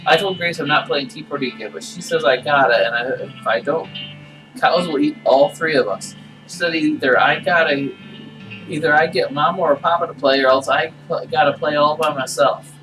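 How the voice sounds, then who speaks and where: A man's voice: fairly high pitch, moderate pace, pushed and bright, pitched above the performer's own voice. A man voicing a frightened young farm girl reading her diary, with simple, folksy childlike phrasing, in a game playthrough. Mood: worried, reluctant. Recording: distant mic, music behind.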